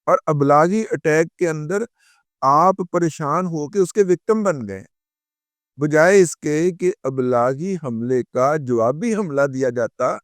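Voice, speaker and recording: A man's voice: on the high side, no echo, studio quality. A male political analyst with a Punjabi accent giving a heated, scornful commentary monologue that mixes in Punjabi phrases. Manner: switches between Urdu and Punjabi.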